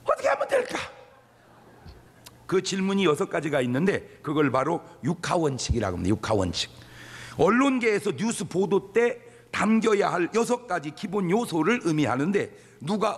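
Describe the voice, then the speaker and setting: A man preaching a sermon in a church, animated and leading the congregation in call-and-response. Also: sits high, moderate pace, breathy edge, in a large hall. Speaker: pastor. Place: church sanctuary.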